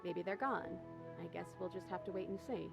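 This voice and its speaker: A woman's voice: lowish voice, a little fast, creaky. A woman voicing a chained young princess in a video game, guarded and wry, with game music behind her. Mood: weary. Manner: dry, wry, teasing.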